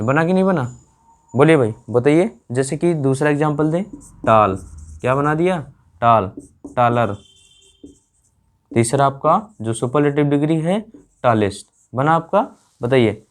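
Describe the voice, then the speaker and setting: A man with an Indian accent and a mid-range voice teaches an English grammar lesson in an animated way, speaking a little slowly with long pauses. He repeatedly checks that listeners are following, repeats key words, answers his own questions, and draws out the English examples.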